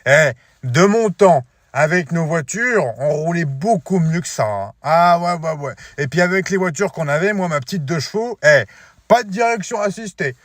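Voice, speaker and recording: A man's voice: on the high side, animated, normal speed, no echo, studio quality, pitched above the performer's own voice, close to an everyday voice. Boastful old man, as a man puts him on. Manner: grumbling, nostalgic. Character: boastful old man praising his old car. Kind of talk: comedy sketch.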